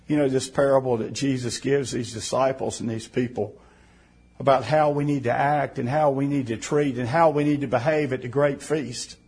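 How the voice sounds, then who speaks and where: Husky fervent male preacher. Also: medium pitch, steady tone, moderate pace. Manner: fervent, rising to emphatic bursts then dropping soft. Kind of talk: sermon.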